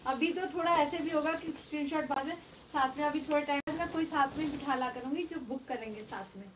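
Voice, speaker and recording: A middle-aged woman selling used silk sarees on a live stream from home, speaking loudly into her phone and repeating the prices. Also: sits high, fairly quick, a little hiss or hum. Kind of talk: live-stream sales chat. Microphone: phone mic, no external microphone.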